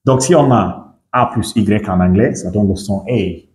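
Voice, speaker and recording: A man from Guinea teaching a lesson, repeating each word slowly and often asking whether the listener understands. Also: fairly low pitch, darkish tone, roomy sound. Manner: repeats words slowly, checks understanding with questions. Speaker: English teacher. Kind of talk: bilingual classroom lesson.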